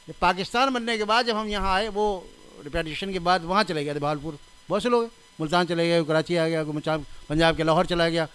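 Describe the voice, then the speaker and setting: High-voiced older man giving a sermon. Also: fairly bright tone, clean tone. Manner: conversational, anecdotal, stresses correct pronunciation; laughs at his own anecdotes. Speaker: religious scholar giving a reform talk.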